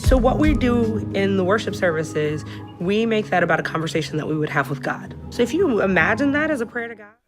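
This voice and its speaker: A woman reverend who teaches, explaining her class quickly in an interview. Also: mid-range voice, sing-song, over music.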